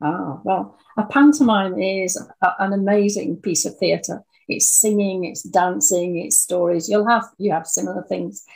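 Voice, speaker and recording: An older Birmingham woman in her 60s or beyond, an audio drama writer, tells stories conversationally as an interview guest in an English Midlands accent. Her mid-range voice is gravelly, slightly rough and a little mellow, with fairly even intonation, a measured pace and few pauses. The recording is rough.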